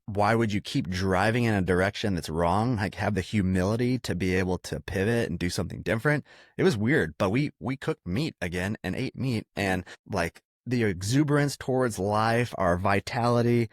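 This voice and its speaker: A man's voice: fairly low pitch, moderate pace, no room sound, clean studio sound. A man in casual podcast conversation, telling stories with lots of "like" and "dude" and the odd curse. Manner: animated storyteller, swears casually, says "dude" and "like" often. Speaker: podcast guest, food company co-founder.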